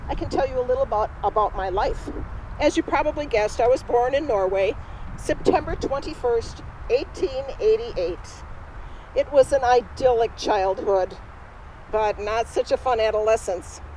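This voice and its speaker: A woman's voice: on the high side, a little mellow, a little hiss or hum, lightly acted, poor audio. A woman in costume playing a spirited, independent Norwegian immigrant woman, telling her story in first person straight to a live audience outdoors. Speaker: costumed re-enactor. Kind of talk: first-person historical re-enactment. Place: outdoors at a cemetery.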